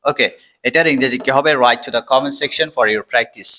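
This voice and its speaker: A man's voice: medium pitch, measured pace, bright, forceful tone. A man giving a step-by-step English vocabulary lesson, repeating words and asking himself questions as he explains. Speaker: English teacher.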